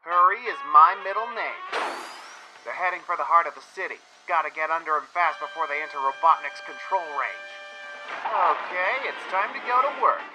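A man's voice: fairly high pitch, animated, normal speed, lo-fi sound, lightly acted. A man voicing a cocky young hedgehog hero playing detective in a comic dub. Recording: music behind the voice.

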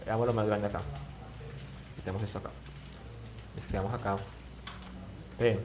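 A man's voice: on the low side, level tone, normal speed, lo-fi sound, noisy background. A man teaching web page building in a screen-recorded tutorial, thinking aloud and muttering as he clicks, with many restarts. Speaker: web development instructor.

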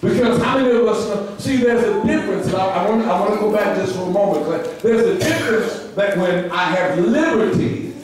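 A man's voice: high-pitched, animated, a little fast, hardly any pauses. Middle-aged male pastor, call-and-response preaching, miked from the pulpit but heard from far off in a roomy sanctuary. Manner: repeats phrases, call-and-response with the congregation. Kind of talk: preaching a sermon. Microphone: handheld mic, filmed by a far camera. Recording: echoey church room, far-off camera. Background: congregation murmuring responses.

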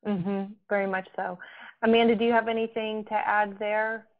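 A woman's voice: mid-range voice, little pitch movement, normal speed. Woman moderating a webinar over a tinny line. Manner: polite, reads questions aloud.

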